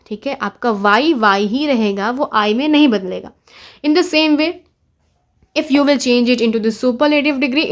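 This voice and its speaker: A woman teaching English grammar for exam prep in Hindi and English with an Indian accent. She spells words out letter by letter and keeps checking in with "ठीक है". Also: a little high.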